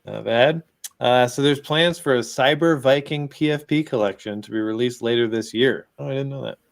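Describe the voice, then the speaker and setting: A man hosting a live crypto news stream, reading out news items in a relaxed, chatty way and bantering with his guests. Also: medium pitch, moderate pace, gravelly. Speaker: host.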